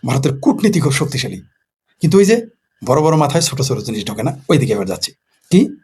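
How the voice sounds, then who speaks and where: A man's voice: mid-range voice, sing-song, fast, a little mellow, husky. A man from Bangladesh, a political commentator in a casual late-night monologue who poses rhetorical questions and answers them himself.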